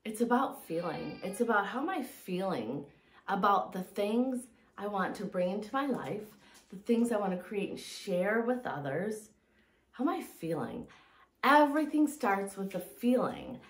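A woman's voice: medium pitch, animated, unhurried. A woman coach giving a motivational talk, reflective and repeating phrases for emphasis. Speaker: fitness and mindset coach. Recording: echoey room.

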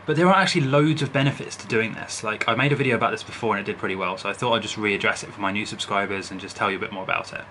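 In a small bedroom, a man in his twenties gives casual, explanatory health advice straight to a camera set at arm's length on his desk. His lowish voice comes rapid-fire with hardly any pauses, and he keeps checking in informally with "right?" and "okay?" over some background noise.

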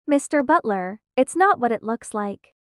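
A woman's voice: fairly high pitch, lively intonation, normal speed, dry recording, clean studio sound, close to an everyday voice. A woman voicing a flustered young woman caught out in a romance comic. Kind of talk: dubbed comic dialogue.

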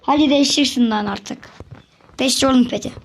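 A woman giving casual gameplay commentary for her channel, excitable and chatty, often repeating words as she talks to other players. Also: high-pitched, brisk. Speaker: gaming channel host.

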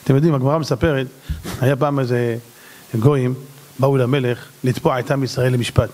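A rabbi giving a Torah lesson to a congregation, telling the story with slangy asides, acting out the quotes and now and then breaking into shouts. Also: male voice, medium pitch, steady tone. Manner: bursts into shouts.

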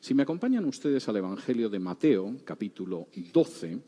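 A man in his sixties from Spain with a Spanish accent teaches the Bible and retells its scenes in lively everyday speech. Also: fairly low pitch, moderate pace. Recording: reverberant hall.

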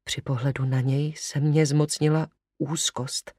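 A male audiobook narrator who tells the story with expressive, feverish energy. His voice sits slightly high, and it is recorded close and dry. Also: slightly rough, no room sound. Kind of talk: first-person audiobook narration.

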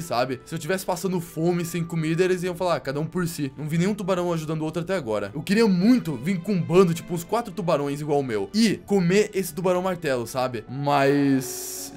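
Young Brazilian gaming host with a Brazilian accent; high, lively, rapid, joking commentary. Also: male voice. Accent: Brazilian Portuguese. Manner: excitable, jokey, slangy, talks to the game fish. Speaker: gaming YouTuber. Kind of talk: gameplay commentary.

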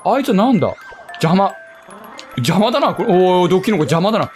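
Excitable young man yelping over a game. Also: high voice, brisk, faint music behind. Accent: Kyushu Japanese. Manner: excitable, talks to himself, yelps and mutters. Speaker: game streamer. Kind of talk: let's play commentary.

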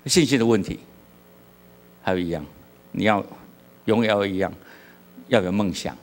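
A middle-aged male pastor from Taiwan preaches a sermon in a Taiwanese accent, telling humorous stories and asking the congregation questions. He speaks at a normal speed in a lowish voice.

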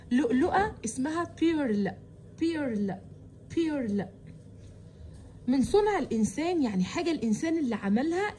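A woman with an Egyptian Arabic accent teaching English vocabulary to children, saying each word slowly and repeating it for drilling. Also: high voice, a little mellow, a little hiss or hum. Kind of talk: vocabulary lesson.

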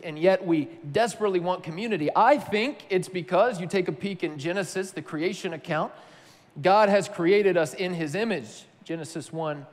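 A man from Tennessee preaching a sermon, telling a personal story in a conversational, animated way. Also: high voice, in a large hall. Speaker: pastor.

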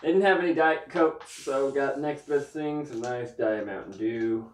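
A man's voice: mid-range voice, measured pace, recorded from a distance. A man chatting casually in a vlog from his bedroom, rambling between topics and talking while he eats. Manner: rambling, talks while eating. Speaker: vlogger. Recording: roomy echo, a little off-mic.

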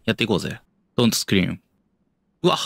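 A man's voice: on the low side, moderate pace, gravelly, no room sound, studio quality. Jumpy young man with a Kansai accent. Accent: Kansai Japanese. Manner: jumpy, yelps and mutters to himself, talks himself down. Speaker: game streamer. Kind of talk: horror game commentary.

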